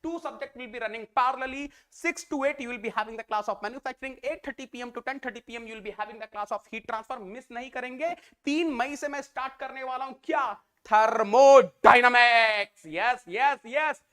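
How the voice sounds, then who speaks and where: A man's voice: very high voice, steady tone, a little slow, hardly any pauses, sharp tone, clean tone. A man with an Indian English accent, teaching a live online exam-prep class in a Hindi-English mix, repeating each phrase and coaxing his students to answer. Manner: repeats phrases, coaxes students, calls them "beta".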